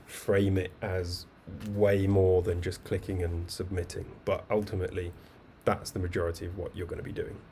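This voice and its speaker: A man teaching a live online coding class, explaining step by step in a relaxed, chatty way with asides and fillers. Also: sits low, normal speed, few pauses. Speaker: coding bootcamp instructor. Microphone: webcam video call mic. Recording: faint background noise.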